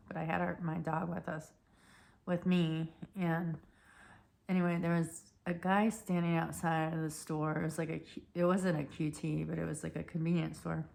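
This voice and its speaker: This vlogger is a woman in her thirties whose hoarse voice keeps cracking because she is losing it. Her delivery is low and flat, and her casual storytelling halts and rambles, full of fillers and fresh starts.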